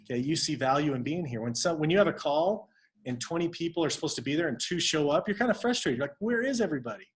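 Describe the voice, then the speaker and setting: A man's voice: a little high, expressive, quick pace. A man coaching his team on a video call, talking conversationally and acting out sample dialogues. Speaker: network marketing team coach.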